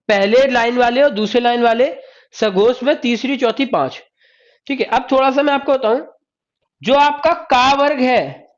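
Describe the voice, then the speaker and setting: A male Hindi teacher running a live online exam-prep class, repeating points, quizzing students and praising them by name. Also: very high voice. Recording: dull lo-fi stream audio.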